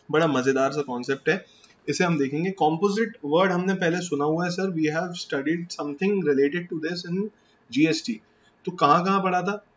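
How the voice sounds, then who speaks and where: A man with an Indian accent teaching a tax class, mixing Hindi and English and asking and answering his own questions. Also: on the high side. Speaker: tax lecturer. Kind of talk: classroom lecture. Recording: slightly dull lo-fi sound with faint background noise.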